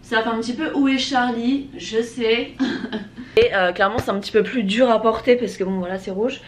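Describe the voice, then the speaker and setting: With a voice on the high side and a normal speed, a young adult vlogger chats casually to camera, slangy and emphatic, slipping in English phrases. The handheld camera or phone picks up clearly noisy everyday sound.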